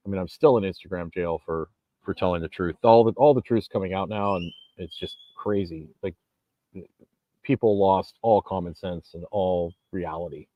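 On a beach, a gym owner and vlogger in his forties speaks at normal speed in a low voice, giving a casual, emphatic, rambling monologue with frequent restarts. The recording is dry, with the highs cut off.

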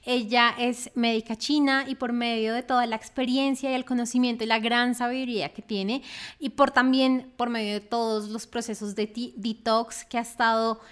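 Effusive woman podcast host, fairly high voice. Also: level tone, moderate pace, clean tone. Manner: enthusiastic, effusive. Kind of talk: casual podcast interview.

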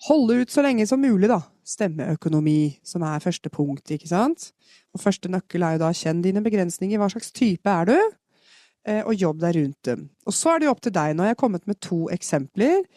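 A woman from Norway giving a chatty live podcast singing lesson, explaining technique and demonstrating vocal fry sounds. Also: on the low side, lively intonation, warm tone, no echo, studio quality. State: has a cold. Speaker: singing teacher. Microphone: podcast microphone.

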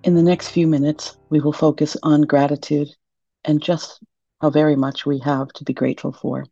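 A woman leading a guided meditation in a soft, soothing, gentle manner, on a dull lo-fi recording. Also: deep voice, level tone, moderate pace, vocal fry, husky, dry recording.

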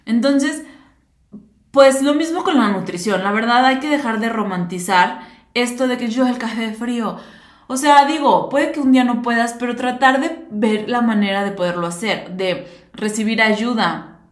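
A woman's voice: a little high, normal speed. Chatty woman in a roomy space. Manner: chatty, talks straight to listeners with many fillers. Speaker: podcast host. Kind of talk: casual monologue. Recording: roomy echo.

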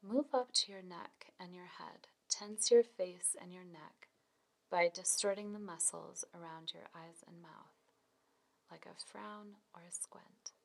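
A woman leads a scripted guided relaxation in a soft, breathy, near-whispered voice, giving slow, calm, soothing instructions. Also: fairly low pitch.

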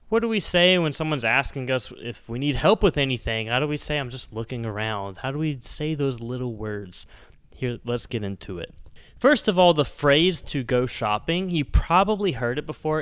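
A man's voice: medium pitch, a bit bright, clear, resonant tone. Chatty man teaching Spanish. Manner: upbeat and chatty, slows down to spell out Spanish phrases. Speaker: Spanish teacher, podcast host. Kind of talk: casual podcast lesson.

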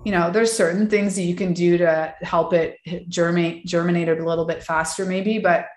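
A woman's voice: on the low side, fairly even intonation, normal speed, darkish tone, roomy sound. A woman wellness and mindset coach, talking casually and reflectively in a podcast interview, with many fillers and restarts.

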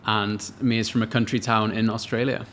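A man's voice: lowish voice, little pitch movement, normal speed, a bit bright, a little hiss or hum. A man in his late twenties, co-hosting a podcast and telling a story in casual chat. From Wales. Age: late 20s. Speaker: podcast co-host.

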